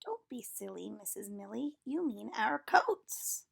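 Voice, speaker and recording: A woman voicing giggly young schoolchildren in a storybook, gently correcting their teacher with emphatic exclamations. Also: mid-range voice, expressive, a little slow, vocal fry, slightly rough, heavily acted. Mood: amused correcting. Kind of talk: storybook read-aloud for children.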